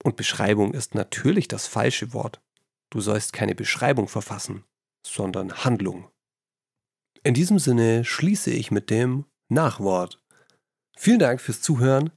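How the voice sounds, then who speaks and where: A man's voice: medium pitch, animated, measured pace, creaky, darkish tone, husky, no echo, studio quality. A man hosting a creative-writing podcast, giving scripted tips straight to the listener. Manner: addresses the listener directly with instructive tips.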